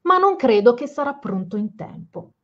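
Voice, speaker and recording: A woman's voice: on the high side, sing-song, moderate pace. A woman reading aloud, voicing Santa Claus as a kindly, jolly old man who chuckles and encourages. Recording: slightly dull lo-fi sound.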